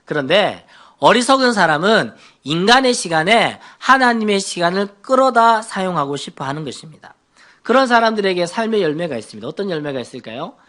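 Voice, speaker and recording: High-voiced male pastor preaching a sermon. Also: sing-song, a little fast, sharp tone. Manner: asks the congregation rhetorical questions and answers them himself; acts out the prayers of churchgoers in a raised, joking voice.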